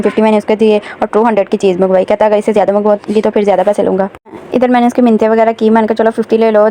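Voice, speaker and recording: A young woman narrates her home vlog at a brisk clip. Her voice stays level with little rise and fall, and she chats casually and directly to her viewers. A faint room ambience sits behind her. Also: mid-range voice, dark tone, a little hiss or hum. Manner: chatty, addresses viewers directly. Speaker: vlogger.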